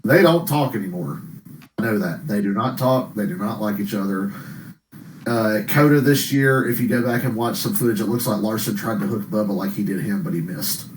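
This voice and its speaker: A middle-aged man with a lowish voice rambles through stories in a casual podcast chat. He sits back from the mic, so the sound is roomy and a little distant. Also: a little hiss or hum. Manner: rambling storyteller, laughs often, quick interjections. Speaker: podcast co-host.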